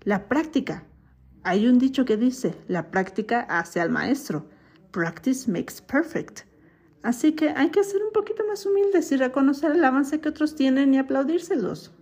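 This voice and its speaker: A woman's voice: sits high, lively intonation, moderate pace, darkish tone, husky. A woman from Mexico with a Mexican accent hosting a podcast, chatty and opinionated, with an occasional self-mocking laugh. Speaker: podcast host. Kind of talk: casual podcast commentary.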